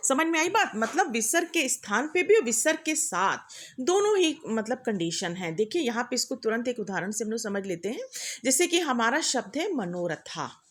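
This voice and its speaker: A woman's voice: fairly high pitch, a bit bright. A middle-aged woman teaching a class, explaining patiently and often checking that her students follow. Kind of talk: classroom lecture.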